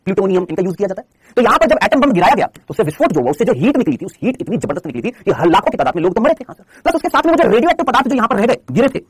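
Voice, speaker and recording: In a classroom lecture, a man poses questions to his students and then answers them himself, going over points again and again in a coaching tone. He talks fast in a high, breathy-edged voice with big swings in pitch. There's no room sound at all.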